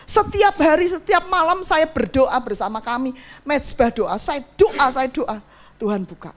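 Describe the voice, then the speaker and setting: High-voiced woman preaching with fervor. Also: measured pace. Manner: animated preaching with sudden emphatic rises, then quiet, low testimony. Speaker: church speaker giving testimony. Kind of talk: sermon with personal testimony.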